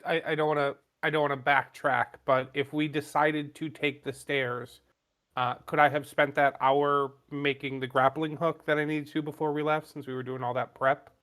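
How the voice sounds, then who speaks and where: Tentative man with a highish voice. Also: level tone, normal speed, a bit bright. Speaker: tabletop game player. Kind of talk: casual game chat.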